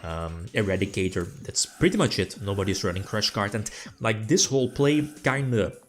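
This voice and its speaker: A man with a fairly low voice talks through a card game match in loose, casual commentary. He rambles and stops to restart his sentences often, with faint music playing underneath. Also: expressive, normal speed. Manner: rambling, full of fillers and restarts.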